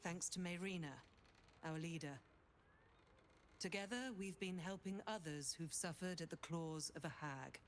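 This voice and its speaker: A woman's voice: on the low side, a little slow, slight background noise, close to an everyday voice. A woman playing a pious, protective cleric in a fantasy video game, with an earnest, declamatory heroic delivery. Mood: solemn, earnest. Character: valiant, pious female cleric, protective and fervent.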